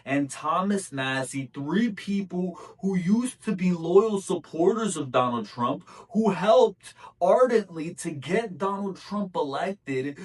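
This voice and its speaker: Fired-up guy doing political commentary, kinda high voice, sounds a bit off-mic. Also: recorded from a distance. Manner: indignant, emphatic, repeats for stress. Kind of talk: opinionated commentary vlog.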